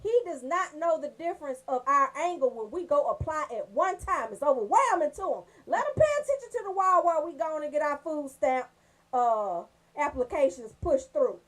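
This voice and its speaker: This American woman hosts a laid-back radio show, her high voice full of lively intonation at a moderate pace. She's chatty and slangy, bantering and joking as she speaks directly to her listeners.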